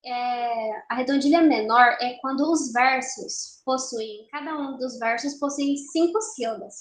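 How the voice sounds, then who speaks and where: A young woman teaching an online literature lesson, explaining patiently and slowing down to count syllables aloud. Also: sits high. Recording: roomy echo.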